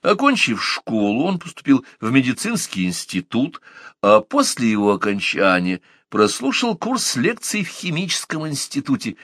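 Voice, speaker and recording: Expressive male audiobook narrator. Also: mid-range voice, normal speed, no echo, studio quality. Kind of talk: first-person audiobook narration.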